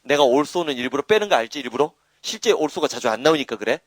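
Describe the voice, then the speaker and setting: A man with a medium-pitched voice speaks at a quick pace in a recording with no echo. He delivers a live English grammar lecture, animatedly prodding students with constant rhetorical questions and tags plus boastful asides.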